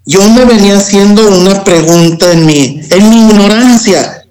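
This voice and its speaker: Speaking with a Mexican accent, a male guest shares a personal testimony in conversation, reflective and repeating phrases for emphasis. His voice is high-pitched and a little mellow at a normal speed, on a low-quality recording.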